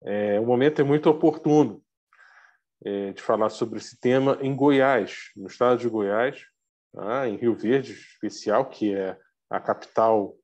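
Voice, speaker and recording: A Brazilian man giving an informal talk on a video call, speaking through a face mask, halting as he searches for words. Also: fairly low pitch, darkish tone. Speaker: guest speaker, arbitrator.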